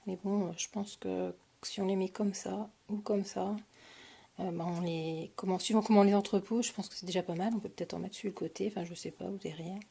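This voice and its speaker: French woman chatting haltingly over her craft buys. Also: mid-range voice, fairly even intonation, creaky, dark tone, breathy edge. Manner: hesitant, many fillers, shows items to camera. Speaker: crafting vlogger. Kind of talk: casual product haul.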